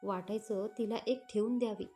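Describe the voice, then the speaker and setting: A woman voicing a haughty, jealous young female office employee who talks in sharp taunts. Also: mid-range voice, steady tone, a little fast, soft background music, close to an everyday voice. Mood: bitter.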